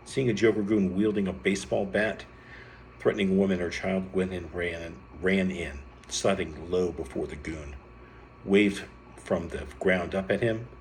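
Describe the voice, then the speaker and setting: A man with a very low voice reads an adventure story aloud. He keeps it lively, jumping up in pitch for emphasis and now and then tripping over a word. A faint hiss sits under the voice. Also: normal speed. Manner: lively read-aloud with bursts of raised pitch and some stumbles.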